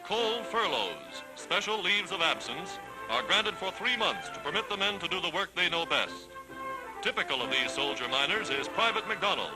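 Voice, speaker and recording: A man delivers old 1940s newsreel narration in a high, ringing voice. His announcer delivery is emphatic and declamatory. Loud orchestral music plays beneath him. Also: expressive, moderate pace, poor audio.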